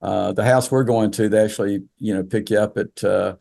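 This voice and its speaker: Gravelly low man, halting. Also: steady tone, warm tone. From South Georgia, USA. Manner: halting, many "uh" fillers. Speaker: entrepreneur guest. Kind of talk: casual interview chat.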